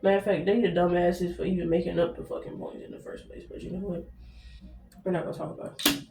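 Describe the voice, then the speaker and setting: A woman's voice: fairly low pitch, flat delivery, fast talker, a little mellow. A young American woman telling a story casually to viewers, blunt and slangy, swearing heavily. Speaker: vlogger. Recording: roomy echo, distant mic, faint noise.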